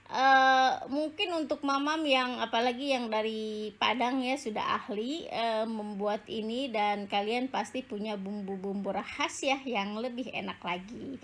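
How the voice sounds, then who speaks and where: A woman's voice: a little high, a little slow, fairly bright tone. A woman from Banten, Indonesia, chatting casually in her home kitchen as she cooks for her vlog, with frequent fillers and laughs. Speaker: cooking vlogger.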